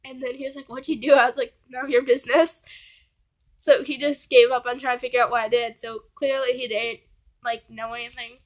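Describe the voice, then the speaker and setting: A high-pitched young woman talks to camera in a loose, rambling storytime chat, leaning on filler words at every turn. She sounds under the weather, like someone home sick. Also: little pitch movement, fairly quick. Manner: rambling, fills with "like" constantly. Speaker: vlogger.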